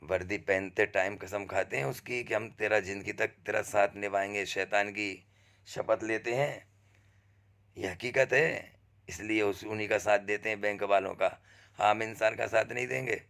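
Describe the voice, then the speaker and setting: A man giving an impassioned, preachy monologue, urging listeners to speak up and rising in pitch as he presses them. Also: a little slow, gravelly, a bit bright. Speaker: social media speaker.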